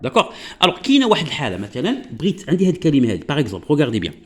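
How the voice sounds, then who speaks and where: A man's voice: a little high, wildly swooping pitch, slightly rough. Patient Moroccan man teaching a lesson. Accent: Moroccan Arabic. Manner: patient, repetitive, checks understanding often; spells out and slowly repeats example words. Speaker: French teacher. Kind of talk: classroom-style lesson explanation.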